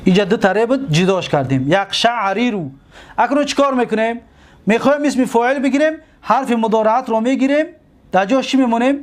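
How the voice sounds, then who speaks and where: High-voiced Tajik male teacher. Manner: drills terms and quizzes the class. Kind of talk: classroom lecture.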